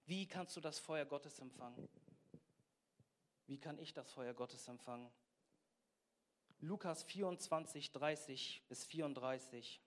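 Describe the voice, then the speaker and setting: A man preaching a sermon with passion, swinging between quiet intensity and loud exhortation, often putting questions straight to his listeners. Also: on the high side, a little slow, pauses often. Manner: asks the audience direct questions.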